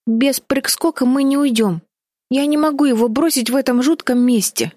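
A woman's voice: high-pitched, normal speed, a little mellow, no echo, pitched above the performer's own voice. Woman voicing a panicky, stubborn young girl. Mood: pleading. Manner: pleading, tearful protests. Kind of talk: audiobook character voice.

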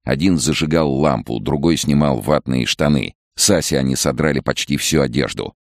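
A man narrating an audiobook in a measured, dramatic reading. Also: a bass voice, vocal fry, no echo, clean studio sound. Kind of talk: scripted narration.

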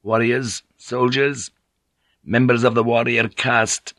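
A man's voice: mid-range voice, little pitch movement, slow pace, vocal fry, a bit bright, dry recording. Man acting a fiery young Portuguese priest, hostile, venomous, impatient, audiobook character, close dry sound. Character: hot-tempered Portuguese priest in his twenties, stern and hostile. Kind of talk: dramatised audiobook dialogue.

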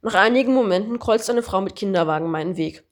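Frau liest ein Hörbuch vor. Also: female voice, medium pitch, quick pace. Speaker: audiobook reader. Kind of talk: amateur audiobook narration.

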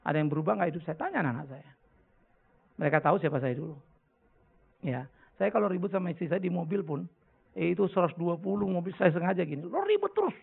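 A middle-aged pastor, his voice pitched high and rough with a gravelly edge. He preaches in a blunt, joking storytelling way, loud one moment and hushed the next. The sound is tinny and narrow, like a phone line. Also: fast talker, pauses often. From North Sumatra, Indonesia. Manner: blunt, joking storyteller, swings between loud outbursts and quiet confession. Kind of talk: sermon with audience Q&A. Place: church hall before a congregation.

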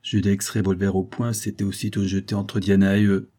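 A man reading a classic adventure novel aloud as an audiobook narrator, in a measured, dramatic way. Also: low-pitched, level tone, mellow.

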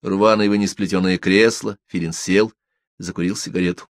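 Male narrator, measured, gravelly, dry close recording. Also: low voice, fairly even intonation, dry recording. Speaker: audiobook reader. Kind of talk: scripted narration.

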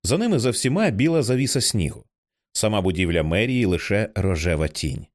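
A man narrating an audiobook in an expressive reading style, changing his voice for the characters. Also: on the low side, brisk. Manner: expressive, acts out many characters. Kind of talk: scripted narration.

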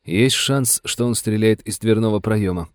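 A man's voice: on the low side, normal speed, clean tone, no room sound, clean studio sound, natural voice. A man playing a young deputy who talks in a tense, urgent way, nervous but brave.

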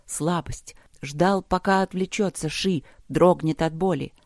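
Measured audiobook narrator, dry close sound. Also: mid-range voice, darkish tone, no echo. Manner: measured, dramatic storytelling. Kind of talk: scripted narration.

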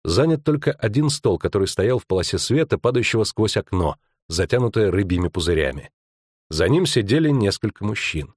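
A man narrating an audiobook in a measured reading voice. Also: lowish voice, big pitch swings, darkish tone, husky, dry recording, studio quality. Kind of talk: scripted narration.

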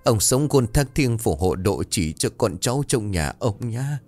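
A man's voice: lowish voice, very animated, a little slow, a little mellow, faint music behind. A man voicing a grieving elderly widow who tearfully speaks to her late husband. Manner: tearful, pleading.

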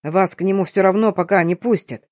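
A woman voicing a stern male guard who speaks in a low, quiet, clipped way. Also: brisk, dry recording, studio quality, lightly acted. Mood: curt.

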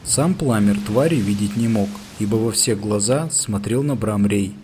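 A man narrating a story in first person, reading in a steady, measured way. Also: fairly low pitch, a little hiss or hum. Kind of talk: audiobook narration.

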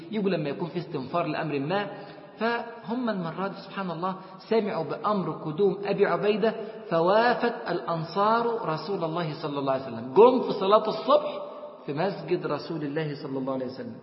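Egyptian preacher guy, quick and a bit high-voiced, lots of rhetorical questions, roomy hall sound. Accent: Egyptian Arabic. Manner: rhetorical questions, swings between soft and emphatic. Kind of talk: religious lecture. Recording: echoey hall, dull lo-fi sound.

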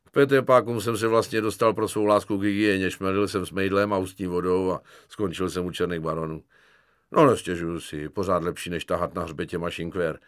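A slangy, mocking army medic corporal, voiced by a male reader. He talks in a chummy, wisecracking way, with a fairly low voice. The audiobook recording is dry and close. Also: steady tone, dry recording, natural voice. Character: cynical joking army medic corporal, young man. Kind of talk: audiobook character voice.

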